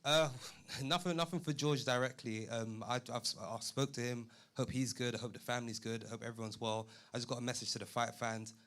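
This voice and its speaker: A man speaking as a boxer at a press conference, measured, respectful and confident. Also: mid-range voice, fairly even intonation, fairly bright tone.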